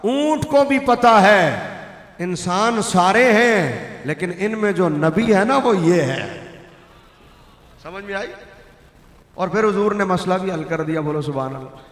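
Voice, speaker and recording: A man preaching a sermon to a gathering, swinging from soft talk to loud, dramatic shouting. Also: high voice, lively intonation, unhurried, pauses often. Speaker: religious preacher. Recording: echoey hall with long reverb.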